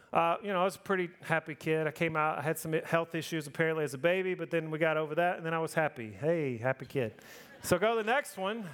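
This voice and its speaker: A man in his forties gives a sermon built around his own life story. He talks in a loose, conversational way, pokes fun at himself and keeps asking the listeners "right?" His voice sits a touch higher than most men's. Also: a bit bright. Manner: conversational, self-deprecating, often asks the crowd "right?". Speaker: preacher.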